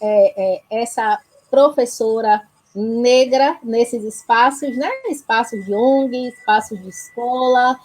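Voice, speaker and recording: Casting: woman, Bahian Brazilian accent, raised pitch, husky tone, earnest conversational host delivery. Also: takes it slowly, darkish tone, rough recording. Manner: earnest, frequent tag questions seeking agreement. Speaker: panel host, health project institutional supporter. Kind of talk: reflective conversational talk.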